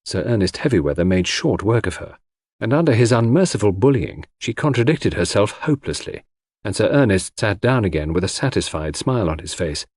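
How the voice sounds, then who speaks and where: An audiobook narrator reads a detective novel in a measured, dramatic storytelling style. His husky, darkish voice is very animated and roams freely up and down in pitch. The recording is very dry and close-miked, with near-silent surroundings.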